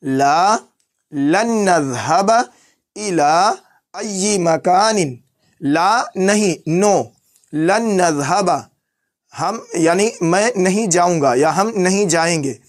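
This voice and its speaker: A man teaching phrases in a language lesson, repeating each one slowly word by word. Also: high-pitched. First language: Urdu. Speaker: Arabic teacher.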